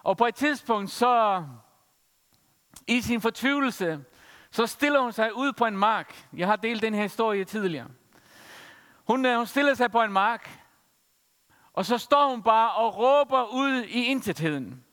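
Guy preaching in a church hall, smooth highish voice, lots of uhs, long echo. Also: animated, long pauses, a bit bright. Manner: storytelling with many hesitations. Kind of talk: sermon. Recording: reverberant hall.

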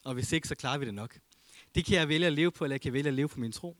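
A man preaching a sermon as a pastor, earnest, rising to emphasis and dropping to a hush, reading scripture aloud. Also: a little high, dry recording. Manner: earnest, swings between emphatic and hushed.

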